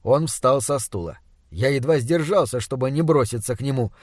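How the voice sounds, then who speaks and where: A man's voice: mid-range voice, normal speed, breathy edge, no echo. Male audiobook narrator, dry sound. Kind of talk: scripted narration.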